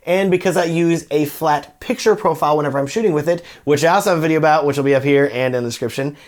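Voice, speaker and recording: A man's voice: fairly high pitch, fast talker. A man who is a wedding filmmaker, giving a casual product review in a chatty, enthusiastic way and talking straight to the viewer.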